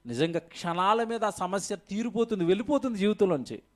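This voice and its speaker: A man's voice: high-pitched, lively intonation, brisk. A male pastor preaching an emphatic sermon at a church service, firing rhetorical questions at the congregation.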